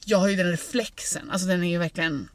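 A woman's voice: on the low side, no room sound. A woman co-hosting a podcast from inside a car, chatting candidly and with enthusiasm. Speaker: podcast co-host. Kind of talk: casual chat.

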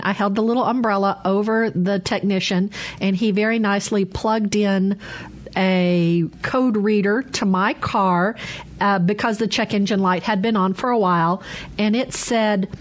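A woman's mid-pitched voice in the role of radio host. She is chatty and courteous, moving conversationally between announcements and talk with guests. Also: steady tone, measured pace. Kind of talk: call-in show hosting, conversational.

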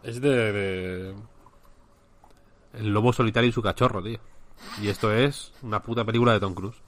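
A man's voice: on the low side, steady tone, normal speed, a bit bright, a little hiss or hum. A man with a Spanish accent, co-hosting a casual chat and rambling with many restarts. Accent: Spain. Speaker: podcast co-host.

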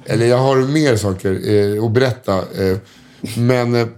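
A man's voice: medium pitch, darkish tone. A man hosting a podcast, telling stories in casual chat, rambling with many hesitations. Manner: rambling, lots of hesitation fillers and restarts. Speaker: podcast host.

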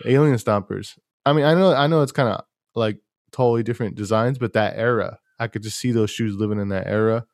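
A young man hosts a casual podcast in a low, fairly monotone voice. He rambles along in a laid-back way and leans on plenty of fillers. The recording is dry and close. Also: brisk, no room sound. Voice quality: self-described monotone voice. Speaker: podcast host.

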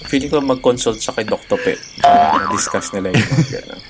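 A man's voice: medium pitch, a little fast, heavy background noise. A man with a Filipino accent co-hosting a podcast, talking casually in mixed Tagalog and English. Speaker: podcast co-host. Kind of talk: casual chat.

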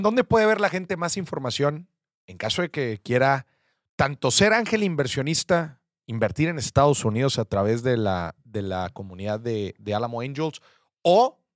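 A man hosting a podcast, friendly and upbeat, tossing in casual slang as he asks his questions. His voice has an everyday middle pitch and comes through dry and close, with no room around it. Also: dry recording. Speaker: podcast host. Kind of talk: conversational podcast interview.

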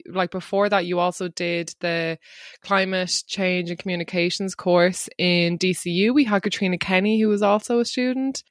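A woman's voice: on the low side, no room sound, clean studio sound. A woman with an Irish accent, talking in a casual, chatty way as a podcast host.

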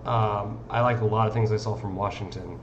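A man's voice: fairly low pitch, fairly even intonation, fairly quick, muffled recording, background noise. A man co-hosting a casual football podcast, talking in a laid-back, agreeable way. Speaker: podcast co-host. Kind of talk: casual sports chat.

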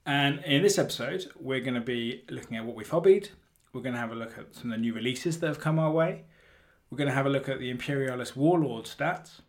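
Male podcast host, medium pitch, casual and halting hobby talk, hallway recording. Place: hallway of a flat.

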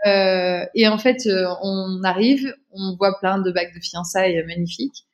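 A woman's voice: medium pitch, normal speed. A woman, a guest in an interview, telling a personal story casually, with many fillers and restarts.

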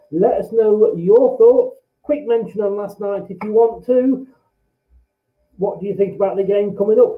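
A man hosting a football fan live stream in a chatty, rambling way, his voice muffled as if heard through a wall. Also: on the high side. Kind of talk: casual live chat. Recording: muffled, echoey, phone-like sound.

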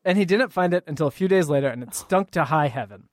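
A man's voice: a little high, expressive, fast, dry recording, studio quality. A man chatting casually as a podcast guest and reading out listener questions, joking and self-deprecating. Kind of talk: casual chat.

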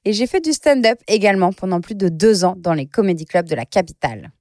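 A woman's voice: mid-range voice, expressive, quick pace, a little mellow, dry recording, studio quality. A woman co-hosting a podcast in casual chat, talkative, speeding up so she is not interrupted. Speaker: podcast co-host.

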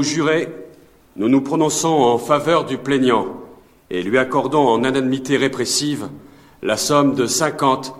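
A man's voice: medium pitch, close to an everyday voice. An actor dubbing a film scene as a male jury foreman, reading a verdict in a formal, solemn way. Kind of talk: dubbed film drama.

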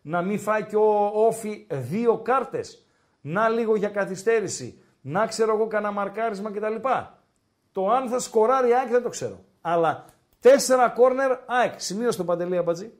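A man hosting a casual podcast chat over a live match, giving betting picks with teasing remarks and drawn-out hesitations. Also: high-pitched. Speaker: podcast host and betting tipster.

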